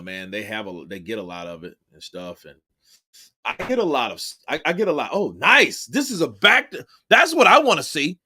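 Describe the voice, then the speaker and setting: A young Texan man with a fairly high, sharp-toned voice riffs profanely and casually on boxing during a live stream while chatting with his viewers.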